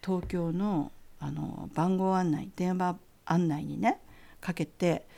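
A woman from Akita telling a personal story in an animated way, acting out the voices of the people she quotes. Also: takes it slowly, vocal fry. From Akita, Japan. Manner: animated, acts out quoted voices with big pitch jumps. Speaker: green coordinator. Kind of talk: storytelling anecdote.

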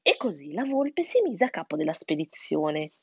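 A woman reading a children's animal story aloud in a lively, expressive way. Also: deep voice, normal speed, slightly rough, no room sound, lo-fi sound.

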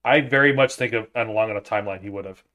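A man hosting a casual movie podcast, joking with his co-host and reading shout-outs in an upbeat announcer voice. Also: fairly low pitch, racing.

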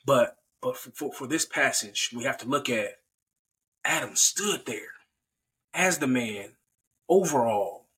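A man hosting a podcast, talking casually about a Bible story, animated and restarting his words often. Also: mid-range voice, measured pace, pauses often, recorded from a distance, poor audio. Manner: animated, with frequent restarts and repeats. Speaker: podcast host.

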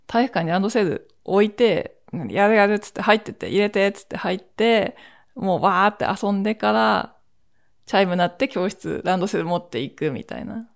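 A woman's voice: medium pitch, fairly quick, vocal fry. A woman in her forties from Akita, hosting a podcast and telling a childhood story in a chatty, rambling way with asides. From Akita, Japan. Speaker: podcast host. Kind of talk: casual solo storytelling.

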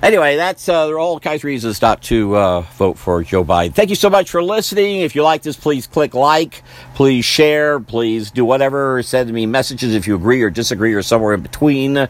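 A man's voice: mid-range voice, animated, fairly quick. A man hosting a podcast, rambling through casual political commentary with jokes and frequent chuckles. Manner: rambling, joking, chuckling often. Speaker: podcast host.

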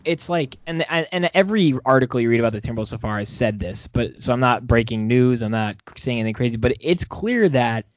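A man's voice: mid-range voice, animated, brisk, few pauses, no echo. A man co-hosting a sports podcast, talking casually in an upbeat, rambling way with many restarts. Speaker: podcast co-host. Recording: dull lo-fi dry sound.

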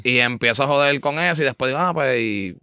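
A man's voice: medium pitch, expressive, quick pace, pushed and bright, clear, resonant tone, no room sound. A Puerto Rican man, a podcast host, chatting loosely in slang about how he runs his show. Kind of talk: casual podcast chat.

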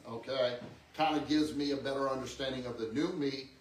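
Recorded from afar in an echoey room, this pastor in his sixties speaks at medium pitch with fairly even intonation and a brisk pace. His teaching sermon is conversational, full of repeated words and check-ins like "amen" and "okay."

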